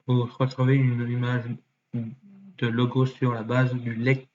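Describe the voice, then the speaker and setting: A man talking to himself as he browses, muttering, trailing off and now and then swearing. He sometimes jumps into a mock high voice. The mic sounds dull and lo-fi with a faint hiss behind him. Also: completely flat delivery, measured pace, darkish tone. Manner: mutters and thinks aloud, with fillers and swearing. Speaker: YouTuber. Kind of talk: casual screen-recording commentary.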